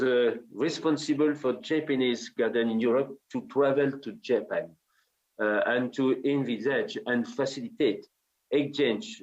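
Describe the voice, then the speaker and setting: A French man speaking English with a French accent, giving a halting conference presentation full of hesitations. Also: mid-range voice, darkish tone. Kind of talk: formal conference talk. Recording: dull lo-fi audio.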